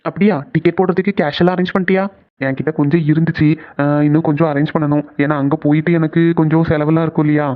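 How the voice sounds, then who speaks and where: A man doing a friendly young cartoon guy who jokes and teases in quick, everyday speech. His voice sits a little high and moves at a fast clip. It comes through a thin, tinny line, as if over a phone. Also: little pitch movement, close to an everyday voice. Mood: casual. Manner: quick, teasing banter. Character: young men, friendly and joking. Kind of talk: cartoon voice acting.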